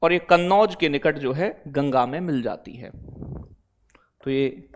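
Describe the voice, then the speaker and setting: Male exam-prep teacher with a slightly high voice, casual and blunt, keeps asking the class if they follow. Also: a little slow, slight background noise. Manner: addresses students as beta and bhai, repeats "theek hai bhai?"; digresses into blunt talk, then back to teaching. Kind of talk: live online class, chatty lecture.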